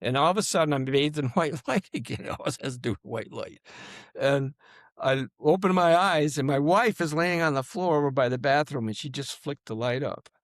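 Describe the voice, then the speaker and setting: A man in his seventies, a guest in an interview, recounting personal stories in a halting way that sinks to a near-murmur at grim moments. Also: fairly high pitch, no echo, studio quality. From United States. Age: 70s. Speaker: guest, combat veteran.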